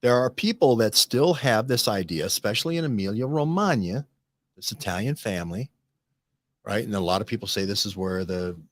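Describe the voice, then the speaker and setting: A man with a lowish voice hosts a casual studio discussion at a brisk pace. He's rambling and animated, often restarting and checking in with "right?"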